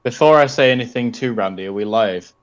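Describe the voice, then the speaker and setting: A man's voice: medium pitch, fairly quick, muffled recording. A man, out of breath, rambling and joking apologetically in casual chat over an online voice call. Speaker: tabletop game player.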